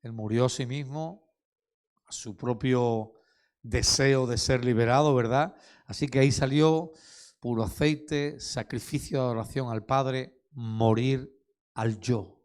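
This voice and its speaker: A male pastor, preaching in a middle-pitched voice. He keeps questioning his listeners and hammers his points home by repeating them. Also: a little slow. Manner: questioning, emphatic with repetition. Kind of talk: sermon.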